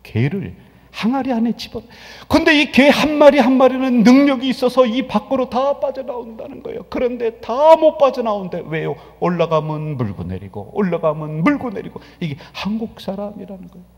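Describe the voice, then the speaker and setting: A male pastor preaching a sermon, swinging from loud proclamation to hushed whispers. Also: extremely high pitch, sing-song, moderate pace. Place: church sanctuary. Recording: church hall with long reverb.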